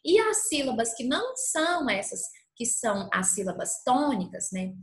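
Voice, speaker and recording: A woman's voice: fairly high pitch, very animated. A woman teacher giving a lesson, drawing out example words and checking in with her pupils. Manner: slow, didactic, stretches out example words, frequent "tá bom?" check-ins. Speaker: schoolteacher. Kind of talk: recorded classroom lesson. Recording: echoey room.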